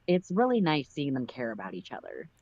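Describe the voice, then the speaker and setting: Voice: medium pitch, wildly swooping pitch, brisk, a little mellow, dry recording, dull audio. A livestream host reading a fan-written story aloud in a casual narrating manner with asides. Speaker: story reader.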